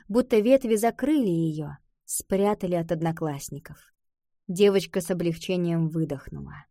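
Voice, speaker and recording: A woman narrating a children's fantasy audiobook in a calm, even storytelling voice. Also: mid-range voice, no room sound, clean studio sound.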